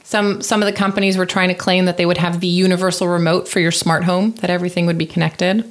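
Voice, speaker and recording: Lowish-voiced woman asking curious questions. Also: little pitch movement, quick pace. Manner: curious, asks follow-up questions. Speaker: podcast co-host. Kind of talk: casual tech podcast chat.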